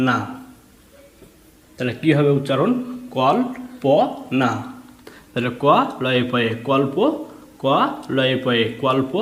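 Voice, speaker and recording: A man teaching a reading lesson, patiently spelling words out letter by letter and then blending them. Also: medium pitch. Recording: echoey room.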